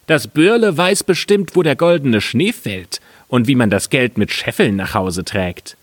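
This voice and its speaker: A man reading a fairy tale aloud, voicing envious village farmers in a high, gossiping voice. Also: expressive, unhurried, no room sound.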